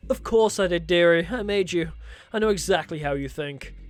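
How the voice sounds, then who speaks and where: A man's voice: high voice, moderate pace, dry recording, lightly acted. A man voicing a taunting evil father and mastermind in a dramatic story, with a theatrical villain drawl. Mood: mocking, gloating.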